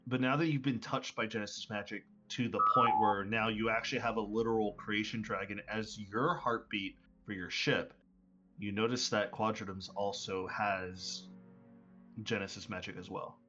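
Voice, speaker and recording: A man's voice: on the low side, steady tone, moderate pace, music in the background. A man narrating a tabletop game as game master, descriptive and full of "um" and "like". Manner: descriptive, hesitant with many fillers. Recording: lo-fi online voice call.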